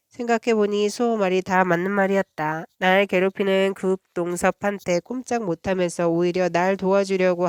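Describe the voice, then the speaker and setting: A woman narrating a children's book aloud in a steady, expressive storytelling way. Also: medium pitch, clean tone, dry recording, studio quality. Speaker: book reader.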